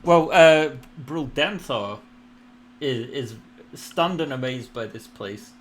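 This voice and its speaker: A man running a tabletop game as game master, improvising narration in a hesitant, halting way. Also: mid-range voice, expressive, slight background noise.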